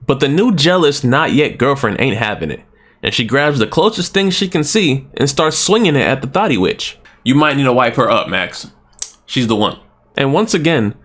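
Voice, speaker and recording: Casual male reviewer, middle pitch, very lively and animated, jokey rants. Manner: animated, joking, exclaiming. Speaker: movie reviewer. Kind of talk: casual movie review commentary.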